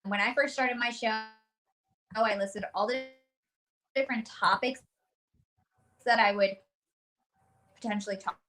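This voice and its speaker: A woman's voice: fairly high pitch, steady tone, sharp tone. Woman on a glitchy, cutting-out call line. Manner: halting, full of restarts. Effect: glitchy audio cutting out over a video call. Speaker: podcast guest. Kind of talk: remote interview chat. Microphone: video call.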